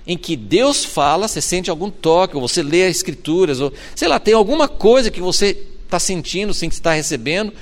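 A male pastor giving a sermon, expressive, moving between hushed reflection and emphatic passages. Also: high voice, fairly quick, few pauses.

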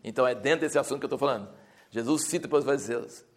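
A man's voice: medium pitch, rapid-fire. A man teaching a Bible class in a conversational, explanatory way, often restarting his sentences and rising to emphatic stretches.

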